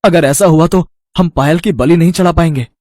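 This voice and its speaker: A man voicing a scheming husband who seeks immortality and speaks in a dismissive, secretive way, with a husky voice. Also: on the high side, a little fast, a little mellow, no echo, studio quality, natural voice.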